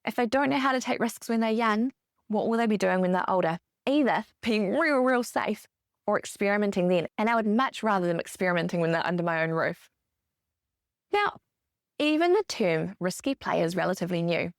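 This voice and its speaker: A woman in her thirties hosts her own podcast in an upbeat, explanatory way, leaning on key words as she goes. Her voice sits at a middle pitch. The recording is dry and close, with no room echo. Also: animated, brisk. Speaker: podcast host. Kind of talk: scripted podcast monologue.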